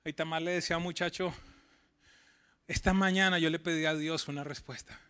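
A man preaching a sermon as a pastor. He asks rising, pleading questions and tells stories in a quick, conversational voice. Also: a little high, steady tone, pushed and bright, clean tone.

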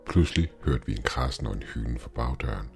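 A man narrating a first-person horror story in a calm, measured way. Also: rumbling low, soft background music.

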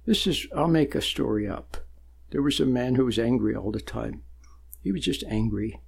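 A man giving a sermon-like spiritual talk, slow and deliberate, with long pauses and sudden emphatic rises. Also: medium pitch, vocal fry, darkish tone, slightly rough. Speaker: spiritual teacher.

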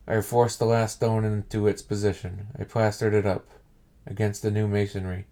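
A man hosting a podcast, reading a horror story aloud with deliberate, measured phrasing and pauses. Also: fairly low pitch, level tone, mellow. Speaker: podcast host and reader.

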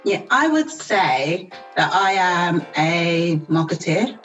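A woman's voice: fairly low pitch, animated, slow, fairly bright tone, highs cut off, soft background music. Chatty woman who laughs often. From South East London, England. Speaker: podcast guest, marketer. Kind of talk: casual interview chat.

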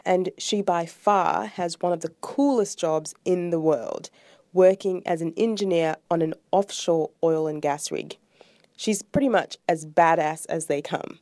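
A woman hosting a podcast, reading a measured, upbeat scripted introduction and asking interview questions. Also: on the low side, a little mellow, no room sound, clean studio sound.

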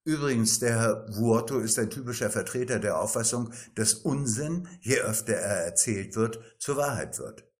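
Brief: male narrator for a weekly satirical audio story, dry and ironic, average pitch. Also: moderate pace, few pauses. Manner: dry, ironic storytelling that reads every part himself.

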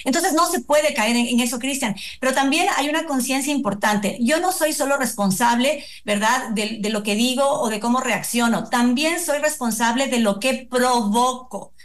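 Woman, psychologist guest, radio interview, calm explanatory, slightly high pitch. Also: normal speed, hardly any pauses. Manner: calm, explanatory, frequent tag questions.

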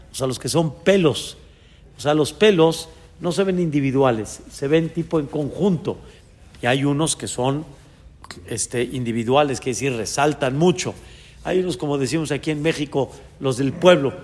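A man with a Mexican accent, a rabbi giving a Torah lesson in a lively way, acting out people's thoughts and chuckling as he explains. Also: fairly high pitch, vocal fry, slightly rough. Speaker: rabbi teaching a class. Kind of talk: Torah lesson on a biblical book. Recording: long hall reverb.

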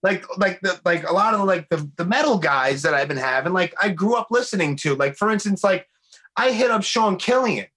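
Bright Brooklyn-accented male podcast host. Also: sits high, brisk, breathy edge. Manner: blunt, swearing, animated storytelling full of slang. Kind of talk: casual conversational chat.

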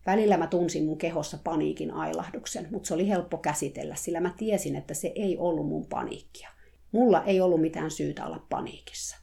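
A woman reading a first-person story aloud in a calm, measured way. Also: low-pitched, gravelly. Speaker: narrator.

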